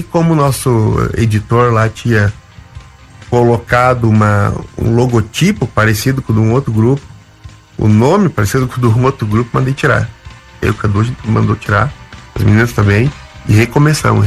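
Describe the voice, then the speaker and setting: A comedian from Rio Grande do Sul, Brazil, appears as an interview guest and tells casual stories in a Gaúcho Brazilian Portuguese accent. His gravelly, mid-range voice moves at a moderate pace over soft background music. He's animated and acts out the dialogue he quotes.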